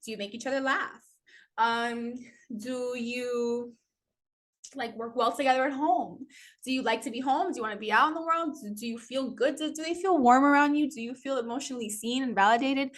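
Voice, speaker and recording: Chatty woman teaching, fairly high voice. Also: moderate pace, fairly bright tone. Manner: chatty, peppered with "like" and "um", laughs often. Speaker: astrology teacher. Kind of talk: casual recorded class.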